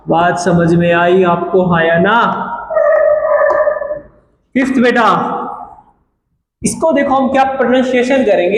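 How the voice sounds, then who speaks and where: A man with a high voice teaches vocabulary in a classroom style, calling his students "beta." He repeats each word and its meaning several times and keeps asking the class to say it back. The recording sounds echoey, with clear background noise.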